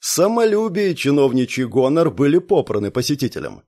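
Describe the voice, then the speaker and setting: A man reading a detective novel aloud in measured scripted narration. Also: mid-range voice, big pitch swings, a little mellow. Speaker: audiobook narrator.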